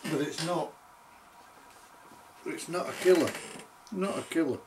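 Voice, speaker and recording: A man in his sixties giving casual, halting commentary as he eats very hot jelly beans and reacts to the heat, recorded on a distant camera mic in a small room. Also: a little high, noisy background. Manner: halting, reacting to chilli heat between mouthfuls. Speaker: vlogger doing a tasting challenge. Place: small cluttered home office, indoors. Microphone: camera a few metres away.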